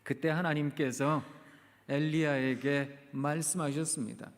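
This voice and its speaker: A man preaching a sermon in a church sanctuary, retelling a story dramatically and slowing down for emphasis. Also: a little high, steady tone. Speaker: guest preacher, professor. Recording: echoey church hall.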